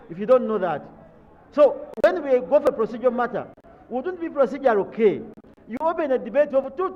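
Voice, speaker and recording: A Ugandan man with a very high, lively voice makes an insistent parliamentary argument. The live-stream sound is dull, with some chamber voices behind him. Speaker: member of parliament. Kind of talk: parliamentary debate speech.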